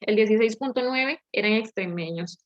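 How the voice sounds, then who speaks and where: A woman's voice: mid-range voice, normal speed. A young woman with a Latin American Spanish accent giving a hesitant class presentation, with many fillers. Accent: Latin American Spanish, seseo. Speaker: student presenter. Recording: dull lo-fi audio.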